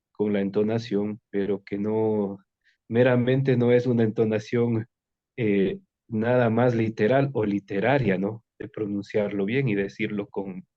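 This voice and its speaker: A man's voice: fairly low pitch, warm tone, dull audio. A man in a reading group sharing his thoughts in a reflective, hesitant way. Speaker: reading club member. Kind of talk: casual book club discussion over a call.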